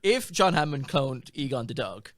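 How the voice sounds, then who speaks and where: A man's voice: mid-range voice, expressive, normal speed, a bit bright. A man hosting a casual panel chat, playfully teasing as devil's advocate.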